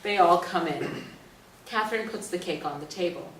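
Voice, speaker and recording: Her voice fairly low and her pace moderate, a woman voices the stage directions in a scripted reading. Faint noise hangs around her, and the distant recording captures a roomy space.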